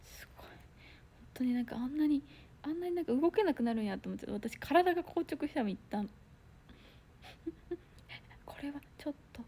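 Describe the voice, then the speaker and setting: A young woman chatting casually on a solo livestream, reading viewer comments and telling a story with loud outbursts and hushed asides. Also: sits high, expressive, moderate pace, long pauses. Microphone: phone or computer mic on a solo livestream.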